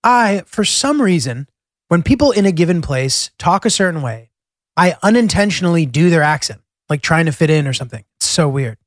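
A man's voice: fairly high pitch, sing-song, brisk, no echo, studio quality. An American man narrating a travel diary for his podcast in a casual, filler-heavy way, often saying "like". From United States. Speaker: podcast host. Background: music.

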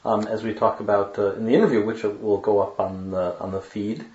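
A man's voice: lowish voice, little pitch movement, a little mellow. Man sounding like he is inside a tin can. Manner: halting, many fillers and restarts. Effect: sounds like he is inside a tin can over a video call. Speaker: podcast co-host. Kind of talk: casual podcast chat. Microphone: video call. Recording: boxy, echoey, dull video-call audio.

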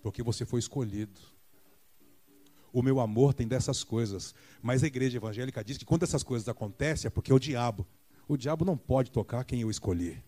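A Brazilian man preaching a Sunday sermon in a church, retelling a Bible story and acting out the voices of the people in it with big jumps in pitch. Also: fairly quick, mellow. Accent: Brazilian Portuguese. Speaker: pastor.

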